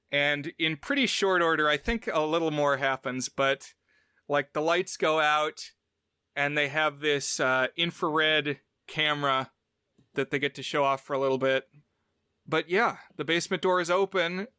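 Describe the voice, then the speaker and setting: Bright, crisp-voiced man recapping a film. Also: on the high side, no room sound, studio quality. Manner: recaps the plot at length in a loose, conversational way. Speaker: podcast co-host. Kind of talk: casual film review chat.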